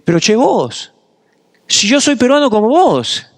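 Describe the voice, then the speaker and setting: A man's voice: a little high, very animated, moderate pace, creaky. A man preaching, voicing Peter as an anxious man who keeps swearing oaths that he is telling the truth. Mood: insistent. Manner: insistent, pleading oaths.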